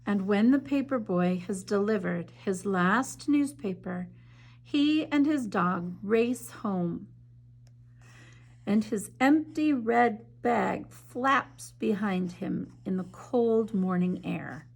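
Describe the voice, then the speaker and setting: A woman teacher reads a picture book aloud slowly, gently and measuredly, her volume dropping softly at quiet moments. Her mid-range voice has noticeable vocal fry. Once she moves on to discussing the illustrations, she turns enthusiastic and chatty.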